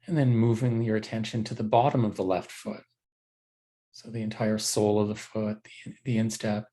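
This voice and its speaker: The fairly low voice of a meditation teacher keeps a steady tone as he leads a guided body scan. Gentle instructions come in short phrases, with unhurried pauses left between them.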